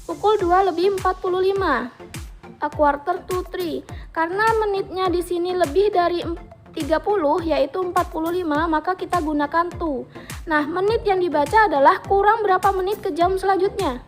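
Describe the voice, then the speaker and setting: A woman with an Indonesian accent teaching a lesson, enunciating slowly and deliberately as she explains step by step. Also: extremely high pitch. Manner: instructive, repeating key points step by step. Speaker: English teacher. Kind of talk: scripted lesson explanation for students. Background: music.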